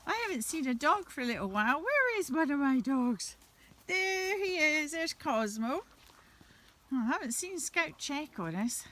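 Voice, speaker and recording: A woman chatting gently to her viewers while walking her dogs outdoors through woods by a river. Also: high-pitched, big pitch swings, normal speed. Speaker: vlogger. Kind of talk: casual walking vlog narration.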